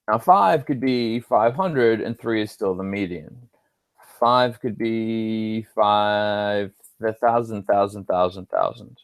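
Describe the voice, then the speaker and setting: Male instructor, low voice, dry close sound, casual screen-recorded homework walkthrough, thinks aloud with offhand jokes. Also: no echo.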